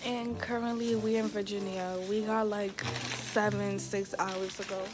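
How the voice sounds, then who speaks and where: A young woman from Brooklyn, vlogging into her phone on a long bus ride, sleepy and worn out, talking loudly and bluntly with lots of swearing as she complains. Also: mid-range voice, flat delivery, unhurried. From Brooklyn, New York. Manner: loud, blunt and profane, complaining. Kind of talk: casual vlog to camera. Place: on a long-distance coach bus. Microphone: phone camera. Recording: loud music over the voice.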